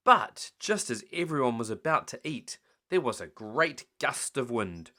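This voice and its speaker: It's a bedtime story: a man reads from a picture book at a slow pace, and his voice moves through lively pitch changes as he reads expressively.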